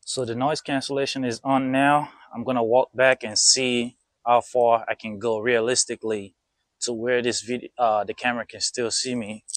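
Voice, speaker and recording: A man's voice: mid-range voice, flat delivery, normal speed, no room sound. A man casually reviewing a gadget outdoors in his backyard, chatty and rambling with lots of fillers, his voice carrying noise reduction artifacts from a wireless clip-on mic. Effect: noise reduction artifacts from the mic's noise cancellation. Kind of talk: casual product review vlog. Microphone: small wireless clip-on mic.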